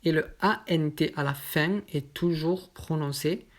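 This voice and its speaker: A woman with a low voice teaches pronunciation at an unhurried pace. She explains each example patiently and says the words slowly and carefully. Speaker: French teacher. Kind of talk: slow explanatory lesson.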